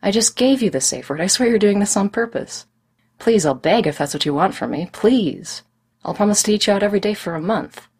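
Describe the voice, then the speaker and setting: A woman's voice: fairly low pitch, fast, gravelly, husky. A woman voicing a brash, impatient young woman who jokes and pleads eagerly. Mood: impatient pleading. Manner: loud, eager, wheedling.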